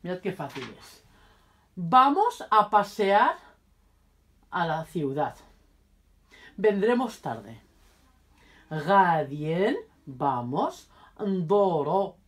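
Woman, casual video lesson, slow, lively pitch, careful repetition, chatty asides. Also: husky. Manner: chatty, apologetic asides while handling cards. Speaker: language teacher.

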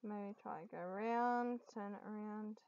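A young woman giving casual commentary while playing a video game, often breaking into excited, gasping exclamations. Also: medium pitch, unhurried. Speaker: gaming YouTuber. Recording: dull lo-fi audio with game music. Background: game music.

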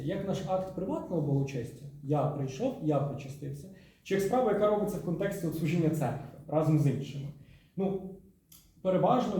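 A man giving an academic conference talk, reading from sources and commenting, pausing to think and checking in with his listeners. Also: on the high side, warm tone. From Ukraine. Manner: measured, thinking aloud with frequent filler pauses and "так?" checks. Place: conference hall at a round table. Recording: distant mic in a very echoey hall.

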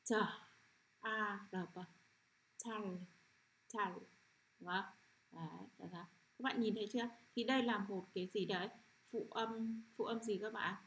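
A middle-aged woman teacher leading a children's phonics lesson, sounding out syllables slowly and often asking if the class has understood. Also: medium pitch, fairly even intonation, fairly bright tone. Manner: repetitive, checks understanding with frequent "được chưa?".

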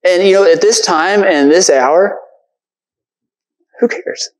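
A man's voice: sits high, moderate pace, darkish tone, low-quality recording. A man preaching a casual, earnest sermon from a church stage, talking conversationally with lots of fillers.

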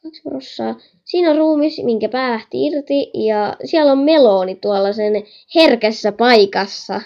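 A young woman chatting excitedly while playing a horror game, talking to viewers and scolding her mother in the background. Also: a little high, creaky, dull audio. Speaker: gaming channel host. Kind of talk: game commentary.

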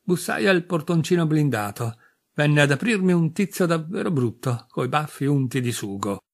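A man narrating an audiobook in a measured first-person storytelling voice with a dry, bitter edge. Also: on the high side, sing-song, creaky. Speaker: audiobook reader.

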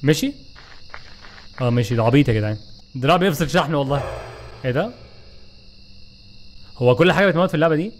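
Rapid-fire Egyptian gamer man. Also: a little high, slight background noise. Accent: Egyptian Arabic. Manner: excitable, joking, talks back to the game. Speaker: gaming YouTuber. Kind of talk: let's play commentary.

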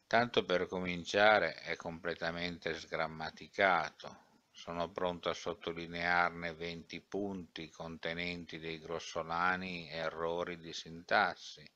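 Man reading fussy young critic, indignant, emphatic, scornful, slow delivery, low voice, audiobook. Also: flat delivery, bright, forceful tone, no room sound, dull audio, heavily acted.

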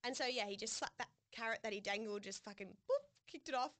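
A young woman, co-hosting a podcast in casual chat, telling her story in an animated, sweary way with laughs. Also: a little high, fast talker, no echo. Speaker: podcast co-host.

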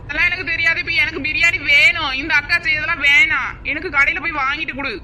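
A woman's voice: high voice, fairly even intonation, fast talker, crowd noise, noisy background, natural voice. A woman voicing a greedy young village woman obsessed with biryani, with a southern Tamil accent and a pleading, whiny manner. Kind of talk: cartoon voice acting.

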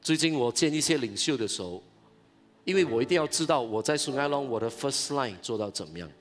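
Animated pastor preaching. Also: male voice, medium pitch, brisk, faint music behind. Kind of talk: conference sermon. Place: church conference hall.

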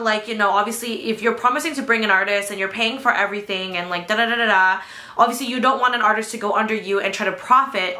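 A young adult woman with an American accent speaks casually as a podcast co-host, rambling along with slang and the odd swear word. Her voice sits on the high side and sounds bright and forceful. She's on a couch in a small living room, and the recording has that echoey living-room sound.

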